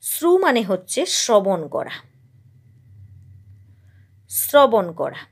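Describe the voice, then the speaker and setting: A woman's voice: mid-range voice, big pitch swings, takes it slowly, breathy edge. A woman from West Bengal teaching a Sanskrit grammar lesson, asking her own questions and drilling verb forms.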